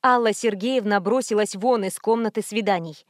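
A woman narrating a detective audiobook in a steady, even storytelling manner. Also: mid-range voice, moderate pace, no echo, clean studio sound. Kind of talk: scripted narration.

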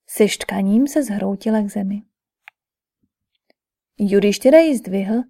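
A woman narrating a scripted epic audiobook in a measured, even storytelling manner. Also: medium pitch, creaky.

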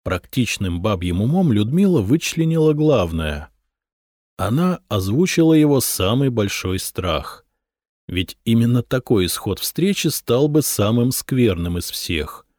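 A man's voice: medium pitch, sing-song, a little slow, a little mellow, dry recording, clean studio sound. A man narrating a historical novel as an audiobook, telling it expressively and growling the prince's lines.

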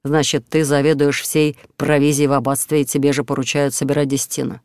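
A man voicing a calm, good-humoured outlaw leader who gives orders easily. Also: mid-range voice, fairly quick, clear, resonant tone, no echo, studio quality, natural voice. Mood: amused.

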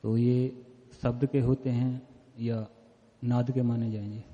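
A man's voice: mid-range voice, level tone, slow, warm tone. A man in a class asking his teacher a careful question, citing page and line. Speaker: student. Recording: distant, dull hall recording.

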